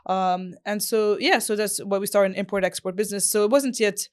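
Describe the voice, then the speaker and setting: A woman's voice: mid-range voice, fairly even intonation, brisk, a little mellow. A woman from Morocco, a business founder and interview guest, who answers fluently and thoughtfully with frequent fillers.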